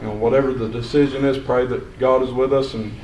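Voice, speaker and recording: A man's voice: mid-range voice, steady tone, fairly quick, darkish tone. Earnest man in echoey hall. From Sequatchie County, Tennessee. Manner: plain-spoken, earnest, rambling with restarts. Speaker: resident giving public comment. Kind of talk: unscripted public comment. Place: county meeting hall. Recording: echoey hall, distant mic, faint hiss.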